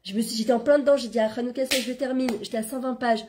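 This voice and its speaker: A middle-aged woman giving an informal religious lesson, talking in a lively, conversational way and dropping Hebrew terms into her French. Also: a little high, rapid-fire, noisy background. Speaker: Torah class teacher and coach.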